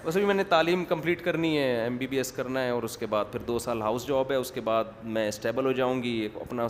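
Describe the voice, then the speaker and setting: A man acting out a young woman who plays down her engagement in a mock-serious tone, quieter and lower than his usual talk. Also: big-room sound, a little hiss or hum, close to an everyday voice.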